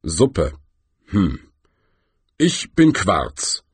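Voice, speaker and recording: A man voicing a huge, gloomy male troll who speaks slowly and deliberately. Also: huge pitch swings, slightly rough, no echo, heavily acted. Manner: slow, deliberate and rumbling.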